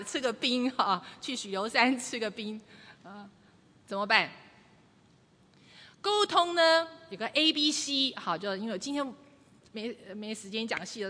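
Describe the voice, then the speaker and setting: A woman giving a lively church teaching, acting out quoted lines with humor. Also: on the high side. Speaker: church speaker. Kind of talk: sermon teaching to a congregation. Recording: long reverb of a large hall.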